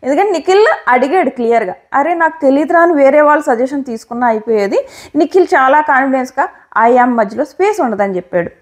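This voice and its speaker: A woman giving an opinionated, animated review of a reality show episode. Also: sits high, quick pace. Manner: animated, opinionated retelling with quoted lines. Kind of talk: casual commentary.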